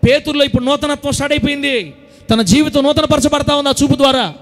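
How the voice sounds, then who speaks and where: A man's voice: very high-pitched, fast talker. A man preaching a Sunday sermon, exhorting the congregation emphatically and pressing his points again and again.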